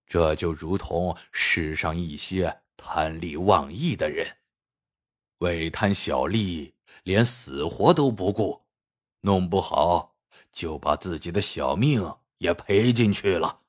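A man voicing a shrewd old village hunter who speaks slowly and knowingly, like someone lecturing. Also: deep voice, pitched below the performer's own voice.

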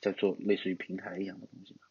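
Man, podcast guest, quick lively speech, dull lo-fi sound. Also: low voice. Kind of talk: casual tech chat.

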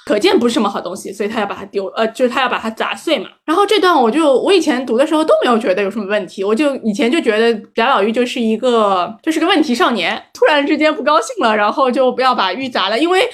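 A woman's voice: a little high, expressive, quick pace, few pauses. A woman podcast host chatting casually about books, thinking aloud with frequent restarts. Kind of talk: casual book chat.

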